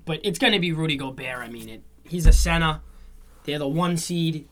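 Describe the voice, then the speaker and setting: A man's voice: fairly high pitch, moderate pace. A young man co-hosting a casual sports podcast, talking emphatically with slangy asides. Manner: animated, emphatic slang, "bro". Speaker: podcast co-host.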